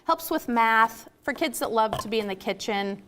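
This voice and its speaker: A woman's voice: a little high, lively intonation, moderate pace, a bit bright. A woman, a lifestyle expert, enthusiastically showing products as a guest in a TV studio. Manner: bubbly, enthusiastic. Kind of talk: TV studio product demo chat.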